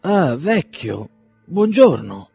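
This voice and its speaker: A man's voice: medium pitch, moderate pace, mellow, slightly rough, soft background music, close to an everyday voice. A man voicing a blunt, impatient young man who talks brusquely and commandingly in an audiobook reading.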